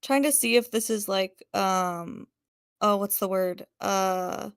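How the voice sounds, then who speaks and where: A woman's voice: mid-range voice, slow pace, clear, resonant tone, dry recording, clean studio sound. A woman playing a tabletop game, chatting casually, laughing often and searching for words. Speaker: player.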